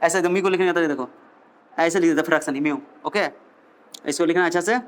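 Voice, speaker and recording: Male physics teacher, high-pitched, coaxing lecture delivery. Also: fast talker, clean tone. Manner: lively, coaxing, quizzes students with questions. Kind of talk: classroom lecture.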